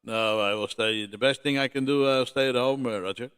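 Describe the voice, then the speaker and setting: A man running a ham radio contact on a livestream, speaking in a halting, friendly way with many fillers. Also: mid-range voice, steady tone, fairly bright tone, clear, resonant tone.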